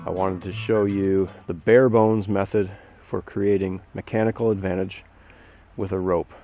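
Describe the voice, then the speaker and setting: Dull, lo-fi audio from a head-mounted action camera captures a low-pitched man, an arborist instructor, demonstrating a knot outdoors in the snow. He keeps a measured pace, calmly and plainly explaining each step in turn.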